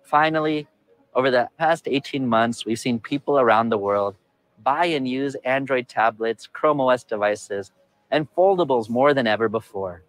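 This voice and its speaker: A man in his forties delivering a scripted tech keynote presentation outdoors on a city rooftop, upbeat and measured. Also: medium pitch.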